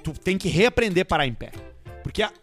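Lively high-voiced man telling stories. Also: fairly quick, faint music behind. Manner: animated storyteller, acts out voices, swears freely. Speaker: podcast co-host reading listener emails. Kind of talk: casual banter.

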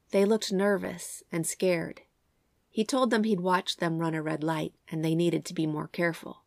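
A woman with a croaky voice stuffed up by a cold, hosting and reading scripted true crime narration. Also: fairly low pitch, no echo, studio quality. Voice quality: croaky, congested. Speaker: podcast host and narrator.

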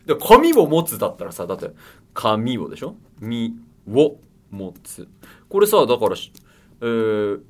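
A young man hosting a casual radio show, rambling and joking to himself as he reads listener mail. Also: on the low side. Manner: rambling, self-mocking, bursts of loud laughter and shouting. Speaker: radio host.

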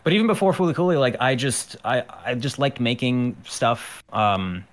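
A man from Ukraine, guesting on a podcast as an animator and musician, chats loosely about his art career. He speaks at a normal speed in a medium-pitched voice with big pitch swings. His talk rambles, with frequent fillers and restarts.

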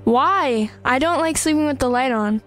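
Brief: bossy older sister, acted by a woman, high, with soft music behind. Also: normal speed, close to an everyday voice. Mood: dismissive. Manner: blunt, dismissive.

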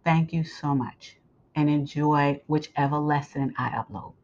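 A woman with a low voice, scratchy as if her tonsils are swollen, talks to her listeners in an informal host's update. She pushes through haltingly, and the recording is dull and muffled. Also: steady tone, darkish tone. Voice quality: scratchy, sore swollen-throat voice. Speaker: host of Bible lessons.

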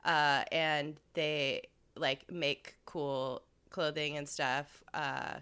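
A woman's voice: sits low, little pitch movement, extremely slow, pushed and bright, clean tone. A woman podcast co-host chatting casually, her voice stuffy from a cold. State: sick with a cold.

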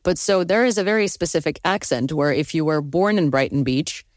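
A young woman from Ukraine hosting a casual interview conversation, animated and quick to laugh. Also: dry recording, clean studio sound. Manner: animated, laughs often, rising pitch when excited. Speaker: host.

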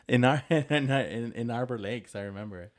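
A man's voice: medium pitch, no echo, clean studio sound. A man co-hosting a podcast in casual chat, joking, rambling and laughing often. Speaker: podcast co-host.

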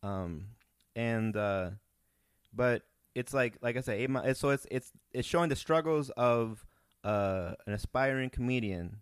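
A young man from Peru, a comedian, telling rambling, animated stories in a casual podcast chat. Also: medium pitch, unhurried, clean tone, dry recording, studio quality. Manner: rambling, animated storytelling with restarts. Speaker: guest comedian.

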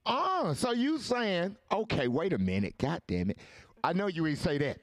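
Male podcast host, high voice, dry close mic, loud animated banter with lots of repetition. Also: moderate pace, dry recording. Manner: animated, profane, repeats himself.

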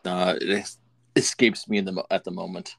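Deep-voiced man rambling on a podcast. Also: little pitch movement, gravelly, dry recording. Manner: rambling and halting, with many restarts. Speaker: podcast co-host. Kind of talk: casual podcast chat.

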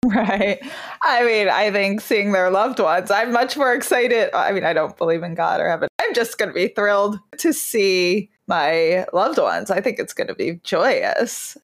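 A woman's voice: mid-range voice, animated, measured pace. A woman hosting a podcast, interviewing in a casual conversational way.

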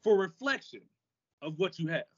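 Animated hype man, higher-pitched. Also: moderate pace, husky. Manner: emphatic, repeats phrases. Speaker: podcast co-host. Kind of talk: casual hype-man talk. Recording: dull, lo-fi microphone sound.

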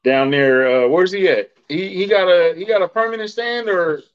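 A man's voice: high voice, normal speed, clean tone, muffled recording. A man co-hosting a casual sports show in slangy bro talk, often saying man and bro.

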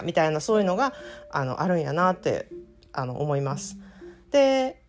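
A woman from Japan with a Kansai accent, hosting a casual solo podcast and telling self-deprecating stories in a chatty, animated way. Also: mid-range voice. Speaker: podcast host.

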